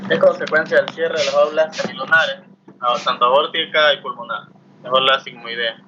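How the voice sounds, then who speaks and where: A man's voice: mid-range voice, steady tone, fairly quick. A man lecturing a class, explaining step by step and often asking his students questions. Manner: explanatory, asks students questions, frequent tag "¿no?". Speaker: teacher. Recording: muffled lo-fi mic with faint noise.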